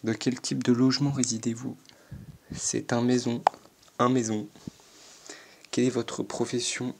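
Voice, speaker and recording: A man's voice: mid-range voice, flat delivery, unhurried, gravelly, background noise. A fourteen-year-old boy reading quiz questions aloud and answering them, hesitant and self-mocking, with lots of stammering and fillers. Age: teenager, 14. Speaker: YouTuber answering an online quiz.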